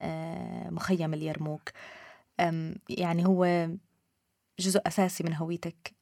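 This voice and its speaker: A woman's voice: on the low side, little pitch movement, moderate pace, vocal fry, mellow, dry recording, studio quality. A woman with a Levantine Arabic accent, hosting a conversational interview. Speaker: interviewer and host. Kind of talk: conversational interview with short listening responses.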